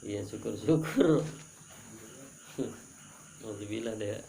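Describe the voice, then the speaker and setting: Male preacher, gravelly, lively teasing delivery, some faint noise. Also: takes it slowly. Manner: animated, joking, pitch jumps for emphasis. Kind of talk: religious study sermon.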